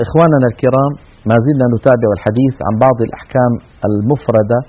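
Fast-talking man teaching Quran recitation, phone-thin sound. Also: mid-range voice. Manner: demonstrates vowel sounds aloud, drawn-out recitation. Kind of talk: explanatory religious lesson. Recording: narrow phone-like audio.

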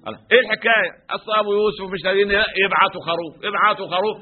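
A man's voice: high-pitched, racing. A man with an Egyptian accent giving a religious talk, telling stories with jokes and acting out the quoted lines. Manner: lively, joking storyteller who acts out quotes. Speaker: preacher. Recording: tinny phone-like radio broadcast.

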